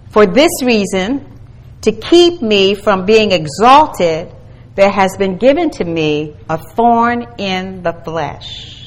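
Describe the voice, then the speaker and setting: A woman's voice: medium pitch, low-quality recording. A woman teaching a Bible study to a group, earnest and calling for responses, building to emphatic exhortation.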